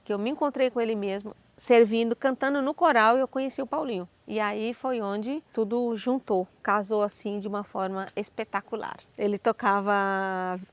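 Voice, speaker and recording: A woman with a Brazilian Portuguese accent who tells her life story as a personal testimony in an animated way, acting out the dialogue. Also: mid-range voice, moderate pace, few pauses, dry recording.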